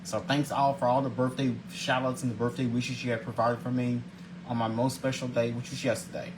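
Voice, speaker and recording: This host of a daily video show, a man in his forties, reads out segments of his casual scripted vlog fairly quickly with a flat delivery and ordinary pitch. He trips over words, often repeating and restarting, offers earnest religious greetings, and background noise is clearly audible.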